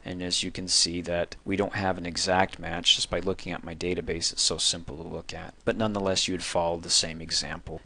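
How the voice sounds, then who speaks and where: Deep-voiced man explaining software steps. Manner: relaxed, conversational step-by-step explaining. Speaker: software instructor. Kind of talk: screencast tutorial narration.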